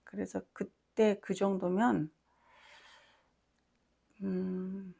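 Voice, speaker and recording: A woman's voice: medium pitch, flat delivery, drawn-out words, vocal fry, dark tone, breathy edge. A middle-aged woman pastor preaching a sermon with personal testimony, emphatic and often asking her congregation questions.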